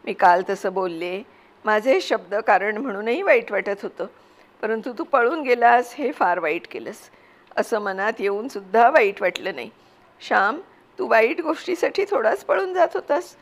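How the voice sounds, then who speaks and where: A woman's voice: fairly high pitch, animated, moderate pace. A woman doing a tender village mother. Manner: soft, earnest and consoling.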